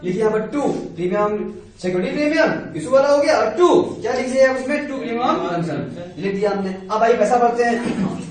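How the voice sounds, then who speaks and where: A man teaching a commerce class, repeating key terms, quizzing his students and reassuring them. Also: extremely high pitch. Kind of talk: classroom lecture. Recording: echoey room from far off.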